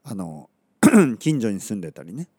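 A man from Oita, Kyushu, teaching Japanese in a relaxed podcast monologue. He chats with many soft fillers, corrects himself as he goes, and his throat is slightly scratchy. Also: on the low side, a little slow, breathy edge, no room sound, studio quality. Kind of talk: casual podcast lesson monologue.

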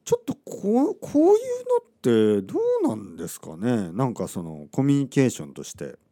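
Male podcaster, casual anecdote teller, warm dark voice, acts out the people he quotes, leaves almost no room sound. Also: medium pitch, normal speed, vocal fry, no room sound, clean studio sound. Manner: animated, acts out quotes, asks listeners rhetorical questions. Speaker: podcast host. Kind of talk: casual storytelling monologue.

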